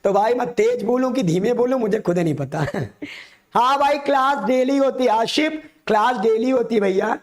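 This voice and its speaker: A man's voice: very high-pitched, animated, moderate pace. A male teacher giving an online class, drilling students with repeated questions and calling them dear children. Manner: call-and-response drilling, repeats each question, coaxing.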